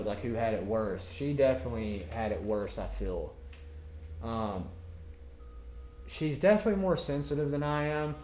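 A man's voice: mid-range voice, darkish tone, roomy sound, a little hiss or hum. A young man hosting his own podcast, talking alone in a rambling, candid way, full of slang like dude and bro. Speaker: podcast host. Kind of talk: casual solo podcast monologue.

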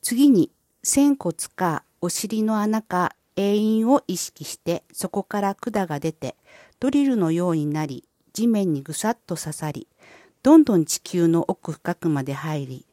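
A woman with a soft-edged, mellow and slightly low voice presents a scripted wellness guide. She speaks in formal, polite sentences with measured phrasing, leading listeners through visualization steps. The sound is dry and close, with very little room. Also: expressive, dry recording. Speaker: host of a wellness and spirituality channel.

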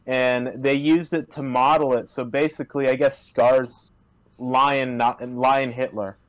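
A man talking casually over a call, pitched at an ordinary middle level. He rambles along, hesitant, with plenty of "um"s and restarts. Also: little pitch movement, measured pace, smooth, rough recording. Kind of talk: casual chat. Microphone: remote call.

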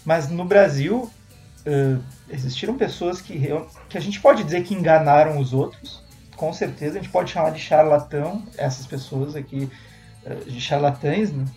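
A man's voice: a little high, moderate pace, dark tone, roomy sound, soft background music. A man from Brazil chatting casually as a podcast co-host, telling a story with many restarts and tag questions. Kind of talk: casual chat.

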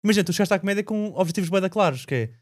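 Very fast-talking Portuguese man, high voice. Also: expressive, no echo. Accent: European Portuguese. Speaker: podcast co-host. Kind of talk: casual interview chat.

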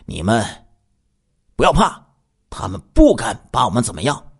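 Suave flattering young con man, voiced by a storyteller. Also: medium pitch, normal speed, breathy edge, exaggerated voice. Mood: suave, reassuring.

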